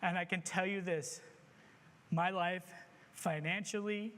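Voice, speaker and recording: Earnest high-voiced man preaching in a hall. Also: steady tone, slow, a bit bright. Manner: earnest, confessional, exhorting. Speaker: church member giving testimony. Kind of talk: sermon testimony.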